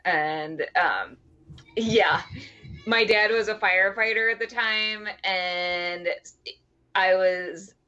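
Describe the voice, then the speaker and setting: A woman from Wisconsin in her thirties with an Upper Midwest accent, chatting as a guest in a casual interview, self-deprecating and quick to laugh. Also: medium pitch, bright, forceful tone, clean tone, dull audio, soft background music. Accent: Upper Midwest American.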